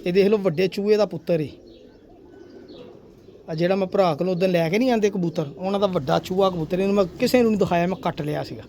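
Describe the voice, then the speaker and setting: A high-voiced man chats to his viewers about his pigeons, boasting and calling them brother. Soft pigeon coos and outdoor air sit faintly behind him. The talk rambles along in a warm, familiar way. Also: fast talker, a little hiss or hum. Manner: chatty and boastful, often addressing viewers as brothers and sir. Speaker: pigeon keeper showing his birds. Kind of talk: casual vlog talk to viewers. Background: pigeons cooing.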